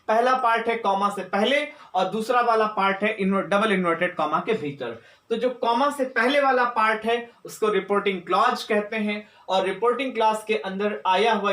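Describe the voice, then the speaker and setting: A man teaching grammar rules, slowly and repetitively, dictating as he writes. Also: high-pitched, bright, forceful tone. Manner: slow, repetitive, dictates while writing on a board. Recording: echoey room, mic far from speaker.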